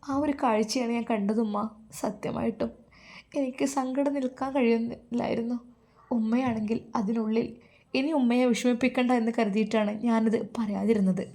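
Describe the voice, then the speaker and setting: A woman voicing a soft-spoken young college student daughter, reassuring her mother in a storybook. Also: fairly high pitch, fairly quick, close to an everyday voice. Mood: defensive.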